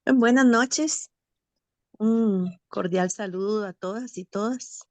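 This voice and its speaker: A bereaved mother sharing her story over a video call in a support session, reflective and halting with many fillers. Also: mid-range voice, dry recording. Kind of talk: personal testimony. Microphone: video call, camera off.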